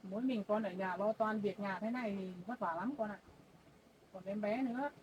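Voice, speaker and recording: An older woman talking as a grandmother, gently giving motherly advice and doting on the family in casual chat. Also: medium pitch, moderate pace, a little hiss or hum. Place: rural home, indoors.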